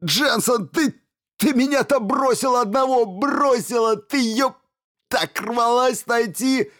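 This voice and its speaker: A man voicing a badly wounded male astrophysicist who shouts and wails in pain in an audiobook. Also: very high-pitched, slow, pitched above the performer's own voice, heavily acted. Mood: agonized raving. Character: injured male astrophysicist in agony, raving.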